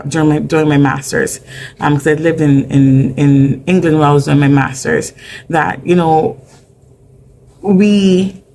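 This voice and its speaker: Barbadian lady in an interview, low voice, chatty and open, bit of faint hiss behind. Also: darkish tone. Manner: candid, chatty, many fillers. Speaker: mental health advocate guest. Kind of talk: conversational interview.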